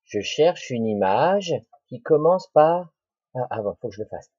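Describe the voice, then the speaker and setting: Slow, deliberate male teacher. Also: mid-range voice, very animated, mellow, slightly rough, no echo. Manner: slow, deliberate, repeats words and syllables. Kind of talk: home-schooling lesson for young children. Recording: dull lo-fi recording.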